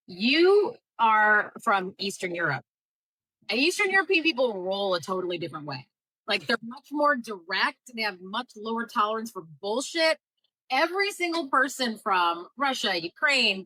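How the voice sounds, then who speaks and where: Blunt, bright-voiced American woman host. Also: mid-range voice, no room sound, rough recording. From United States. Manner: blunt and direct, animated with many fillers. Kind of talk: casual livestream conversation.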